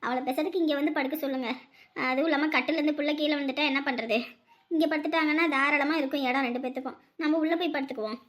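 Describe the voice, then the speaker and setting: A woman's voice: high voice, fairly even intonation, rapid-fire, a bit bright. A woman playing a complaining, scheming middle-aged mother-in-law in a family drama. She has a Tamil Nadu accent and moans as she talks. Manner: whiny, moaning complaints.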